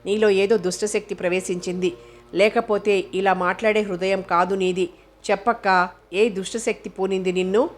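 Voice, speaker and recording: A woman's voice: mid-range voice, steady tone, normal speed, soft background music, lightly acted. A woman reading an anguished blind young man. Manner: pleading, reproachful questions.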